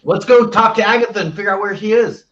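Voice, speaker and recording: A man player in a tabletop game, laying out plans plainly and directly. His voice sits slightly high and comes through dull, lo-fi call audio. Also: fast talker, fairly bright tone, slight background noise.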